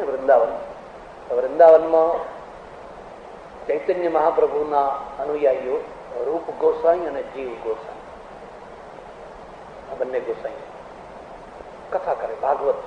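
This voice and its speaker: A man's voice: a little high, measured pace, long pauses. Storytelling male religious teacher, echoey hall. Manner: storytelling, rhetorical questions, mimics voices. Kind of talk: spiritual discourse with anecdotes. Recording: echoey hall, tinny phone-like sound, faint hiss.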